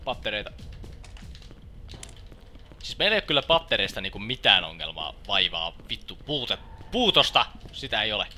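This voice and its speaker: A young man giving casual game commentary, swearing often and shouting English exclamations when excited. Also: lowish voice, long pauses. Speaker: lets play gamer. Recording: loud in-game gunfire. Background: game gunfire and clicks.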